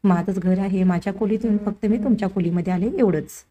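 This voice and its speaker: A woman's voice: medium pitch, fairly even intonation, fairly quick, mellow, lightly acted. A woman reading a defiant young woman. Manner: defiant, indignant.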